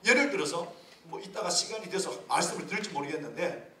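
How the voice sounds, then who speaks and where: A man preaching a sermon as a pastor, lively and humorous, with many rhetorical questions. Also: fairly high pitch, brisk, slight background noise. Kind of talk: sermon at a leaders' retreat. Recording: echoey hall from far off.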